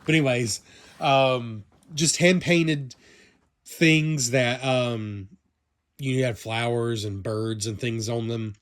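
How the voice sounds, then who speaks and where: A man's voice: mid-range voice, fairly even intonation, takes it slowly. A man from the American South with a Southern accent, casually reviewing a vinyl toy in a rambling, chatty way full of fillers and self-corrections. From Southern United States. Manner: talks to himself while handling the toy.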